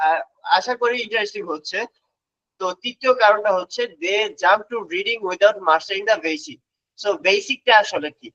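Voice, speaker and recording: A man's voice: sits high, pushed and bright. A man teaching phonics to parents in an online class, sounding out letters and slipping English phrases into his Bengali. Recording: dull, lo-fi sound.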